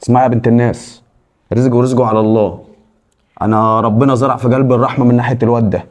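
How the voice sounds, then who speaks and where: A man with an Egyptian accent playing a gruff young groom who speaks bluntly and then earnestly. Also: mid-range voice, level tone, racing, a little mellow, natural voice.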